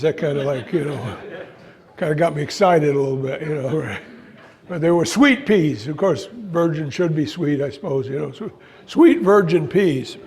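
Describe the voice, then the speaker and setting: An older man telling a spiritual story in an animated way, acting out voices and exclamations. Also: a little high, husky. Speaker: spiritual speaker. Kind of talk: storytelling talk.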